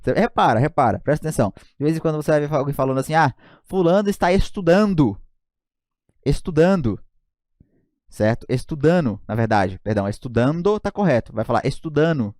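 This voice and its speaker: A man's voice: mid-range voice, animated, fast, a little mellow, dry recording, studio quality. A man with a Brazilian Portuguese accent teaching an online grammar lesson, joking and often checking in with his students.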